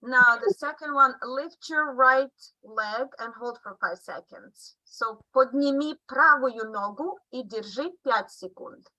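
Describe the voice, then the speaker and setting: A Russian-speaking physician patiently coaches colleagues through stroke exam phrases in an online teaching session, going slowly and laughing along the way. Her high voice is bright and forceful, picked up dry by a computer mic on a video call with poor audio quality.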